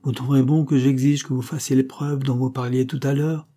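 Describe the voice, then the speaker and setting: A man's voice: medium pitch, little pitch movement, brisk, warm tone, voice pushed up, natural voice. A man voicing a resolute noble duke in a read-aloud novel, speaking firmly and with authority.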